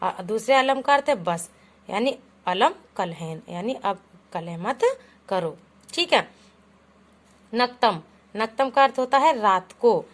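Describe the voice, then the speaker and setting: Medium in pitch with lively intonation, this woman speaks slowly and leaves long pauses as she teaches kids Sanskrit. She patiently reads each example aloud, then translates and explains it in Hindi, calling the children "beta."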